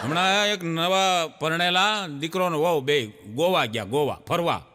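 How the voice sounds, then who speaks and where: A man's voice: on the high side, a little slow, big-room sound, noisy background. A man telling stage jokes in a folksy, storytelling way. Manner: folksy storytelling, frequent "he says" asides. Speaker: stand-up comedian. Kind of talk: stand-up joke telling. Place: stage program.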